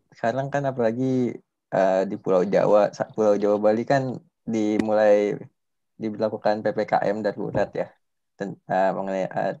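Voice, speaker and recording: Mellow, dull-sounding male host, somewhat halting. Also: on the low side. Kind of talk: casual hosting of an online chat. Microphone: video call. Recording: dull, lo-fi call audio.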